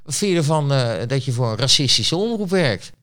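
Very animated and a little fast, a man with a mid-range, fairly bright voice tells a story as an interview guest who works as a street reporter. It's casual storytelling delivered bluntly and ramblingly, with plenty of fillers and restarts.

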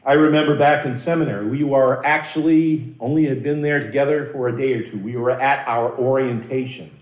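A man preaching a sermon as a pastor, earnest and animated, with dramatic pauses and repeated words. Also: mid-range voice. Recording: roomy echo.

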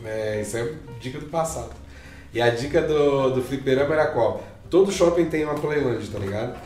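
A man's voice: medium pitch, a little fast. A man in casual, slangy chat, laughing often as he tells stories. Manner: slangy, laughing, animated storytelling. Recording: roomy, mic at a distance, faint music.

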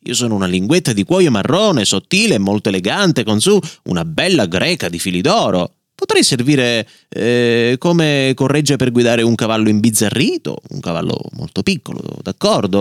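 A man's voice: mid-range voice, very animated, normal speed, hardly any pauses, no room sound, clean studio sound, lightly acted. A man voicing a proud, touchy female leather bookmark in a storybook reading, delivered as an indignant, declamatory outburst.

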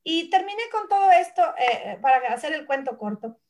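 Woman, forties, from Mexico, high voice, animated storyteller, casual interview guest. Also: normal speed. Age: 40s. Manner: animated storyteller who acts out family voices. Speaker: guest, nutritionist and brand founder. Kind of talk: casual conversation.

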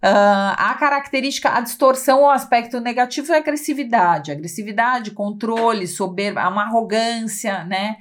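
A woman with a Brazilian Portuguese accent co-hosts a podcast, explaining ideas in casual conversation. Her fairly high voice moves at a moderate pace with few pauses. She leans on frequent "né?" tags and acts out examples.

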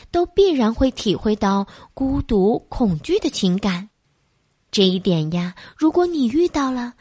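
A woman narrating a children's bedtime story in a soft, coaxing way, calling the listener baby. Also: fairly high pitch, breathy edge, no room sound, studio quality.

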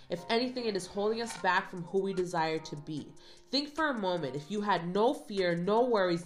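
A woman hosting a motivational podcast, a little stuffy from a cold, talking casually and reading affirmations slowly and earnestly. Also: mid-range voice, echoey room. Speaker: podcast host.

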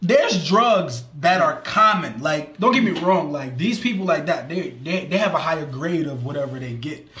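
High-voiced man, loose podcast banter. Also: expressive, normal speed, hardly any pauses, fairly bright tone. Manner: loose, joking slang-heavy banter. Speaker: podcast co-host. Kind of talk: casual chat. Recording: echoey room.

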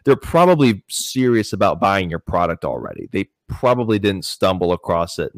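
Low-voiced male host, dry sound. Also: very animated, moderate pace, dry recording. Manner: agreeable, affirming interviewer. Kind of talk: conversational interview.

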